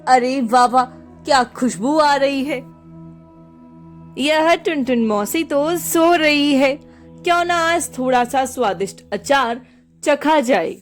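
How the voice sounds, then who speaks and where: A woman's voice: high-pitched, slow pace, soft background music. A woman voicing a greedy talking clay pot that savors pickle in delighted exclamations.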